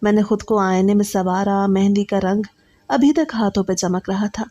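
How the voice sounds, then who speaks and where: Woman storyteller, first-person narration, earnest and steady, warm mellow voice. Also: mid-range voice, lo-fi sound.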